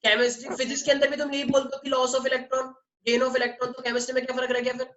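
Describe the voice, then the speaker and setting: A man's voice: very high voice, completely flat delivery, fast talker, a bit bright. A male physics teacher giving an online class lecture, mixing Hindi and English and constantly quizzing his students. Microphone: online class microphone. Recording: muffled online audio with faint noise.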